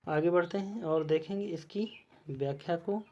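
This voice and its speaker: A male teacher giving an exam-prep lesson, reading out quiz questions and their options one by one in a measured way. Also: on the high side, warm tone, muffled recording, a little hiss or hum.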